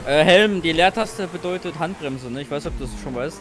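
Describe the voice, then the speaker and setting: A man's voice: on the high side, lively intonation, a little fast, music in the background. A man playing an online game with friends, cracking puns and laughing at his own jokes. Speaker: let's play gamer. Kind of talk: casual gaming chat.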